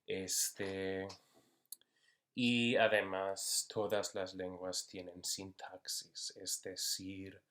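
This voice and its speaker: A man giving an unscripted university lecture, slow and hesitant with many fillers. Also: low voice, a bit bright. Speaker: university Spanish instructor.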